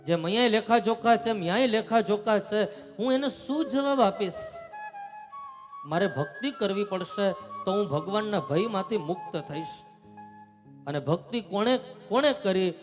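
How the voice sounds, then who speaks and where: A man's voice: high-pitched, animated, moderate pace. A man from telling a religious story at a live gathering, acting out the characters and chanting folk verses. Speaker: katha storyteller. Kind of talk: religious discourse with acted story. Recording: reverberant hall with music behind.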